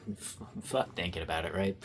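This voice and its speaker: A man's voice: low voice, a little fast. A young man giving casual, rambling commentary while he draws, joking and poking fun at himself. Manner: rambling, self-mocking and goofy. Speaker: art vlogger.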